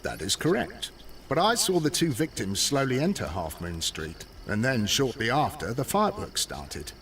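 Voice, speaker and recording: Confident police constable, lively delivery, distant game audio. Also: male voice, medium pitch, moderate pace, slight background noise. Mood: official. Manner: official and matter-of-fact. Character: dutiful, self-assured London police constable.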